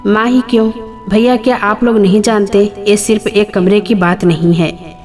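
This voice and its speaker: A woman's voice: mid-range voice, fairly even intonation, moderate pace, a little mellow, soft background music, natural voice. A woman voicing an indignant grown daughter who scolds her brothers. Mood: angry.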